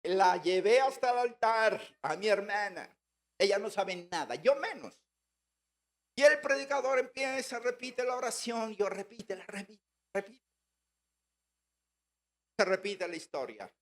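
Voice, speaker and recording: A man's voice: sits high, animated, moderate pace. A man giving a personal conversion testimony at a church gathering. He tells his story and stresses key words by repeating them. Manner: storytelling, acting out remembered dialogue; repeats words and phrases for emphasis.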